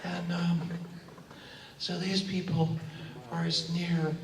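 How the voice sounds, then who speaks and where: A man from Oakland, California, with a slightly high, flat voice addresses an audience in a large hall, acknowledging the guests at a gathering. His informal talk is halting, full of pauses and fillers, and the recording sounds distant and echoey with clear room noise.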